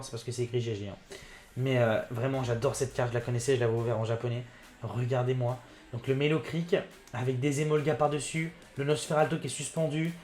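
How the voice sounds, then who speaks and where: A man hosting his own card-opening video, chatting excitedly and talking straight to his viewers. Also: mid-range voice. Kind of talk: casual card unboxing commentary.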